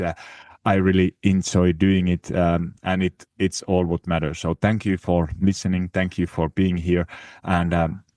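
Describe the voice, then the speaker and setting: A man's voice: deep voice, darkish tone, no echo, studio quality. A Finnish-accented man hosting his fitness podcast in casual, hesitant talk full of fillers and restarts. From Finland. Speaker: podcast host. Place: living in Italy.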